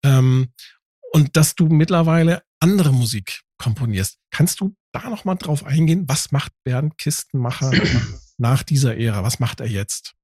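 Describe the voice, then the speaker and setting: Male host, middle pitch, talkative and meandering, dry room. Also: expressive, a little slow, a little mellow, breathy edge, no room sound. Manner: chatty, asks long winding questions. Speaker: interviewer, host. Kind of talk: casual interview talk.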